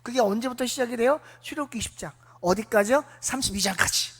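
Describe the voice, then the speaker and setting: A woman's voice: a little high, quick pace, breathy edge, long reverb tail. A woman preacher giving a sermon who asks the congregation questions, answers them herself, and acts out biblical figures in casual speech. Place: church sanctuary.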